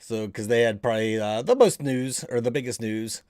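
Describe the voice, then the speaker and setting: A man's voice: mid-range voice, fairly quick, darkish tone, no echo, clean studio sound. A bearded man hosting a casual live-streamed gaming talk show, joking and laughing as he goes. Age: adult with beard. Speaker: podcast host.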